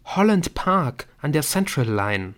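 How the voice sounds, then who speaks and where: Gentle breathless teen girl, voiced by a man reading a storybook, higher pitched. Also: sing-song, takes it slowly, heavily acted. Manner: soft, breathless.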